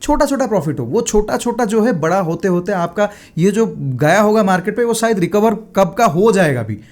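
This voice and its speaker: A man in his thirties chatting casually about his trading losses, mixing English words into his Hindi and filling pauses with stock phrases. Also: sits high, expressive. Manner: chatty, Hindi-English mix, frequent fillers. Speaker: day trader sharing his mistakes. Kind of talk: casual talk to camera.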